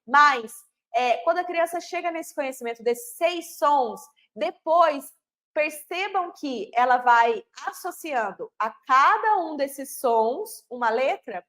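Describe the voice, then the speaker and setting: A woman with a high voice and a Brazilian Portuguese accent teaches literacy in an online class. She explains patiently, often posing a question and answering it herself. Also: a bit bright.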